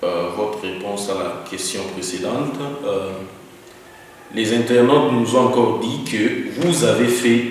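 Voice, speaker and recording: A man hosting an interview, asking questions slowly and hesitantly with frequent acknowledgments. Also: fairly low pitch. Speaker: host. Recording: echoey roomy hall from a distance, faint noise.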